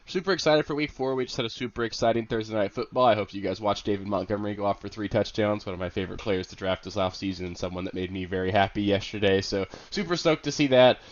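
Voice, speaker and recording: Fast-talking man with a head cold. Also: fairly low pitch. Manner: upbeat, chatty, many fillers. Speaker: fantasy football analyst. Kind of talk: casual video commentary. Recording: dull lo-fi sound.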